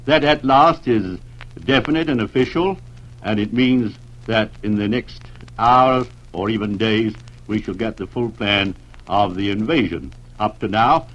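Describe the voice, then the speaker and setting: A man giving live radio news commentary, earnest and unscripted with frequent pauses, heard as an old 1940s radio broadcast. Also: on the low side. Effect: old 1940s radio broadcast sound. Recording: dull lo-fi archival radio recording.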